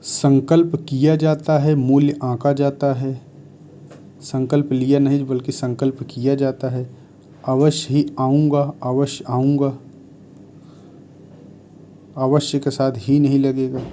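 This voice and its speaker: A man teaching Hindi spelling, reading out word lists one by one in a measured dictation style. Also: medium pitch, flat delivery, warm tone, a little hiss or hum.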